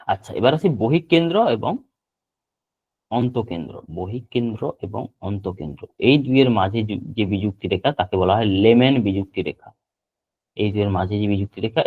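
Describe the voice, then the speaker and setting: A man teaching a geography class online, repeating key terms slowly so students can write them down. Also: lowish voice, slightly rough. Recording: tinny phone-like line.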